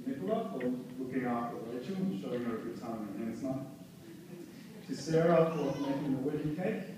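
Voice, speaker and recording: A man giving a groom's thank-you speech at a wedding, pausing between phrases. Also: medium pitch, expressive, a crowd in the background. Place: large echoing room at wedding reception. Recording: very echoey room, distant mic, noisy.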